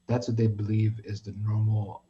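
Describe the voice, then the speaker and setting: A New York man, appearing as a podcast guest, launches into an animated story full of profanity, voicing the dialogue himself in a casual chat. He speaks at normal speed in a lowish voice; the recording is muffled with a little hiss or hum.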